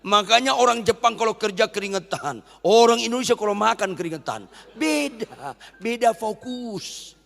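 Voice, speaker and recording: Lively high-voiced preaching man. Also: fairly quick, creaky, big-room sound. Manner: animated, asks the congregation questions and answers them. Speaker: pastor. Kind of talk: sermon.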